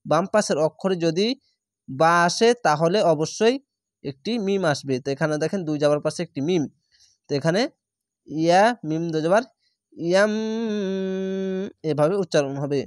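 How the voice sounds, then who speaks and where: High-voiced man spelling out recitation. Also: brisk, no echo, clean studio sound. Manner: spells each syllable, then draws out the recited word. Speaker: Quran reading teacher.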